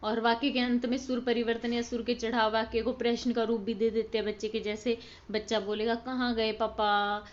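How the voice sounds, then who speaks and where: A woman's voice: fairly high pitch, level tone, brisk, lo-fi sound. A woman tutor giving an informal exam-prep lesson, talking conversationally and checking in with her listeners. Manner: conversational, checks in with listeners, acts out baby talk as examples.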